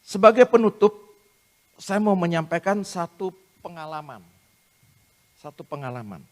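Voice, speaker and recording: A man's voice: a little high, a little mellow. A man giving a sermon at a prayer meeting, addressing the congregation directly and telling personal stories with self-deprecating humor.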